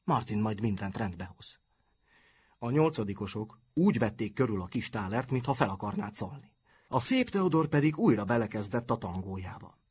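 A man narrating an audiobook in an even storytelling manner. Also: mid-range voice, husky.

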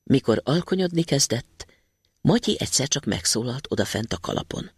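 A man narrating a fairy tale in a storybook reading, expressive and lively. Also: mid-range voice, breathy edge, no room sound, clean studio sound.

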